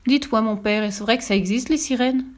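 A woman's voice: fairly high pitch, fairly quick, natural voice. Woman doing a fussing, grumbly old king, storybook read-aloud. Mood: grumbling. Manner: flustered, grumbling. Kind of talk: storybook reading.

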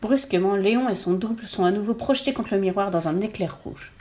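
A woman reading a children's story aloud in a lively storytelling voice. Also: a little fast. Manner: lively, voices the characters' lines with raised pitch.

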